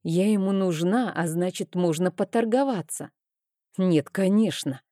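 Female audiobook narrator, first-person fantasy, expressive, low mellow voice, dry booth sound. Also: measured pace, no room sound.

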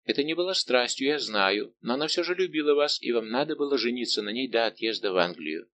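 A man reads an audiobook part for a sharp, teasing young lady-in-waiting full of mocking, pointed questions. He talks fast in a mid-range, slightly bright voice with lively intonation.

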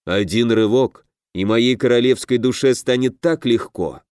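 A man's voice: mid-range voice, measured pace, darkish tone, clean tone, no echo, clean studio sound, close to an everyday voice. A man voicing a grand, self-important half-orc pirate who would be king in an audiobook. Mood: haughty.

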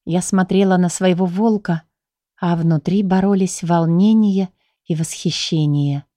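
A woman narrating a first-person fantasy audiobook in an even, measured reading voice. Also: lowish voice, no echo, clean studio sound.

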